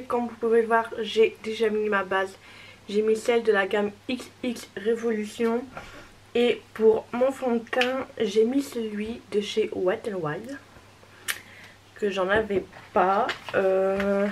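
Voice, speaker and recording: A woman's voice: on the high side, fairly even intonation, takes it slowly, noisy background. A young woman chatting casually as she tests makeup and reviews it, hesitant and reassuring. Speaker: beauty vlogger.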